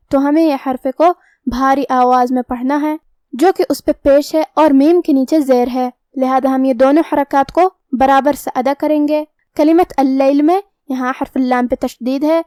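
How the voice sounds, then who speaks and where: A woman teaching Quran recitation rules, explaining each letter step by step and reciting verses slowly. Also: sits high, darkish tone, no echo, clean studio sound. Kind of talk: tajweed lesson, slow explanatory teaching.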